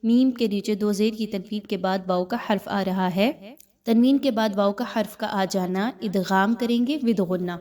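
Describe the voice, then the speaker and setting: A woman teaching a Quran recitation lesson, patiently explaining each letter's rules and reciting phrases slowly. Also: mid-range voice, a little mellow. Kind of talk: tajweed lesson with slow chanted recitation.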